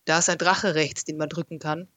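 A man reading a story aloud and voicing a calm young male helper who explains things quietly and plainly. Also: fairly high pitch, a little fast, no room sound. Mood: matter-of-fact.

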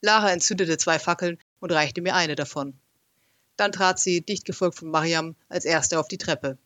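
Speaking at normal speed, a man with a fairly high voice brings a first-person adventure story to life, expressive and animated as in an audiobook. The recording is close-up and dry, with no sense of the room.

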